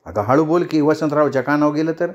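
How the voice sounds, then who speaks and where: A man voicing a sharp-tongued middle-aged woman friend in a storybook reading, with a teasing, scolding manner. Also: a little high, expressive, fast talker, dull audio, close to an everyday voice.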